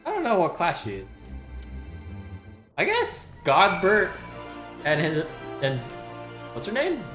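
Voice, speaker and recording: A game streamer giving excitable, casual let's-play commentary, swearing and breaking into loud outbursts. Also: medium pitch, slow pace. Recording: roomy sound with game music.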